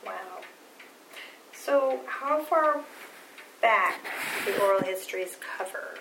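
A woman's voice: medium pitch, animated, takes it slowly, gravelly, a bit bright, a little hiss or hum, rough recording. A woman interviewer reading out prepared questions for a recorded interview.

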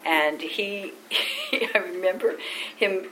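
An older woman being interviewed, telling family memories in a lively, anecdotal way and acting out quoted voices. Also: on the low side, slow, a little hiss or hum, rough recording. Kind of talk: oral history storytelling.

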